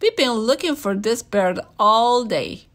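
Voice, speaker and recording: A woman's voice: fairly high pitch, animated, unhurried, a bit bright, pitched above the performer's own voice. Storybook zookeeper, female, kindly, helpful and encouraging voiced by a woman reader. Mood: pleased.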